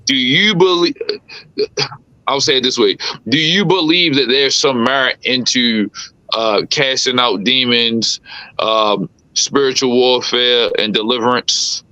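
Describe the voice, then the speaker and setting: A man in his thirties from the Caribbean, chatting casually as an interview host. His voice is bright and crisp with a dry, close sound, and he asks his questions in a loose, slangy way. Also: mid-range voice, a little slow, no room sound, poor audio. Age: 30s. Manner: relaxed, conversational, slangy questions. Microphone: remote live-stream call.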